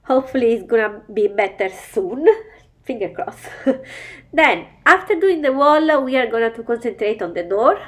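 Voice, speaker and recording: Lady w a head cold, nasal, walking thru her art journal steps, kinda high voice. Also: expressive, fairly bright tone. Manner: halting, explains each step in non-native English. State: has a bad cold. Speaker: mixed media art tutorial creator. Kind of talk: voice-over craft tutorial narration.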